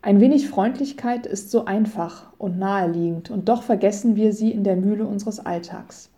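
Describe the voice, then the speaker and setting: Middle-aged woman preacher, deep mellow warmth, calm measured sermon delivery. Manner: calm, measured reading with solemn scripture quotes. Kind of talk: scripted radio devotion.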